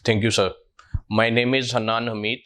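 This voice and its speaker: Facing a job interview panel, a Pakistani English-accented man in his twenties responds hesitantly, filling his answers with fillers and restarts. He speaks at a moderate pace with a medium-pitched, level and slightly bright voice.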